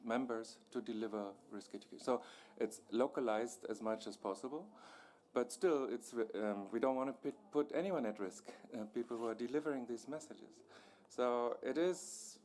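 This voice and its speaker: Man answering at a panel, halting. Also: mid-range voice, darkish tone. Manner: explanatory, many restarts and fillers.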